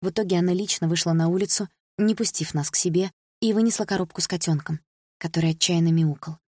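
A woman reads a first-person audiobook in a steady, measured way. Her voice sits low and husky. The recording is dry and close. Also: no room sound. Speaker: audiobook narrator.

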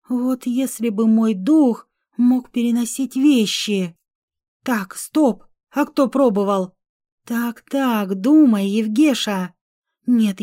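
A woman narrating a first-person fantasy audiobook in a wry, expressive storytelling manner. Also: fairly high pitch, dry recording, clean studio sound.

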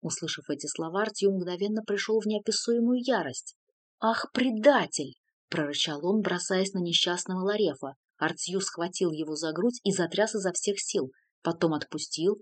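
A woman's voice: fairly low pitch, moderate pace, hardly any pauses, no room sound. Woman reading an audiobook, dry sound. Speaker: audiobook reader. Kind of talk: audiobook narration.

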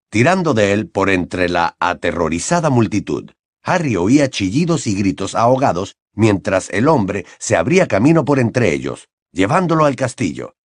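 A male audiobook narrator reading in an expressive, dramatic style. His mid-pitched voice moves with a lively melody and sounds dry and close to the mic. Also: no echo. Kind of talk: scripted narration.

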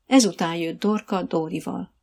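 Woman narrating with a gravelly voice. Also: fairly low pitch. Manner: even, measured storytelling. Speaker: audiobook narrator. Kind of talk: scripted narration.

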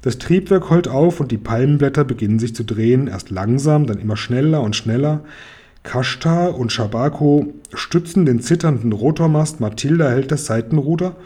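A man reading a children's audiobook as narrator, telling the story in a lively way. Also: medium pitch, moderate pace, breathy edge.

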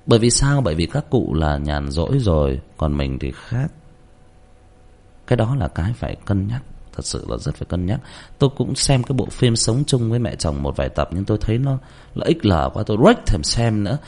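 Guy talking straight to his listeners, rough blunt advice, kinda deep voice, keeps restarting his words. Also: very animated, a little fast, a little mellow. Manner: blunt, coarse colloquial advice; rambling, repeats and restarts words. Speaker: host giving advice. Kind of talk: casual talk to listeners.

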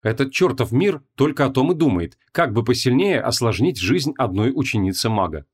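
A man narrating a fantasy audiobook in an even, measured storytelling manner. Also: mid-range voice, husky. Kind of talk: scripted narration.

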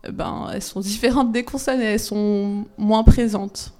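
A woman's voice: medium pitch, fairly even intonation, a little mellow. Hesitant woman rapper guest. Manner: hesitant, many filler pauses. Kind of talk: casual on-air chat.

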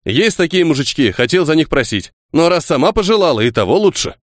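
A man's voice: fairly high pitch, very animated, fairly quick, no echo, clean studio sound, pitched above the performer's own voice. A man voicing a retired army sergeant and estate servant, giving his report in dutiful, soldierly folk speech.

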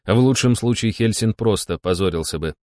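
A man's voice: fairly low pitch, fairly quick, a little mellow, no echo. Man reading with dry irony. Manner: wry, ironic narration. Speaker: narrator. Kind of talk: audiobook reading.

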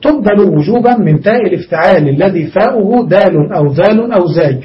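A man with a high-sitting voice teaches a grammar lesson, explaining step by step, repeating examples, and quizzing his students. He's far from the microphone, so the recording comes across dull and off-mic.

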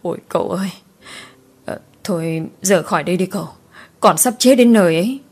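Lady doing a scared servant boy, pleading, stammery, lowish voice. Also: steady tone, normal speed, darkish tone, natural voice. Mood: panicked. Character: timid young male servant, jumpy and fearful.

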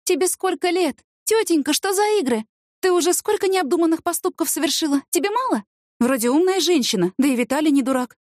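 A woman voicing a brisk, sarcastic woman friend who works in the courts and lectures her friend, in a storybook reading. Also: high-pitched, expressive, dry recording, clean studio sound, pitched above the performer's own voice. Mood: scolding.

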